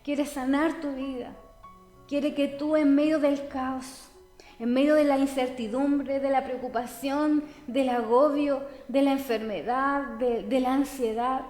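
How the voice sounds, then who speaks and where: A woman's voice: high-pitched, fairly even intonation, measured pace. A woman preaching a sermon, speaking earnestly and addressing listeners directly. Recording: echoey hall with soft music. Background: soft background music.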